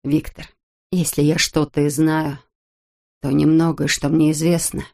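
A gentle, gravely ill wife speaks slowly and softly, pausing for breath, as a woman reading aloud puts her on. Her voice sits low and quiet, and every phrase sounds weak. She comes from a read-aloud story. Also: little pitch movement, heavily acted. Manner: soft, breathy, slow.

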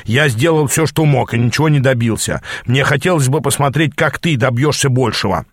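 A man's voice: mid-range voice, brisk, dry recording, studio quality, pitched above the performer's own voice, close to an everyday voice. A man voicing a short-tempered male demon mentor who growls and snaps in exasperation. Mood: exasperated.

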